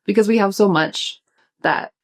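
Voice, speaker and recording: A woman's voice: mid-range voice, normal speed. A young woman, a food blogger, answering interview questions in casual chat, a little out of breath. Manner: relaxed, thoughtful, many fillers. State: slightly out of breath.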